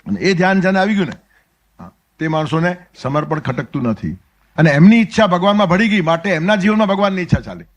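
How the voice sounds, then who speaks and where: A man's voice: high voice, lively intonation, fast. A man with a Gujarati accent giving a Gita discourse, telling stories and acting out the characters' lines. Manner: storytelling, acts out dialogue with sudden drops to soft asides. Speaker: spiritual discourse speaker.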